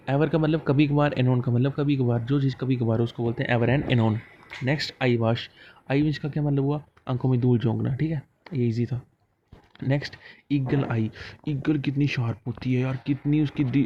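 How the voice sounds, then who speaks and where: A man teaches idioms to exam candidates, talking in a loose, chatty way. He asks questions and answers them himself, and sometimes acts out short dialogues. His pitch sits in the middle range, and a faint hiss and a few clicks run behind him. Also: mellow, dull audio. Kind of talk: casual classroom explanation of idioms.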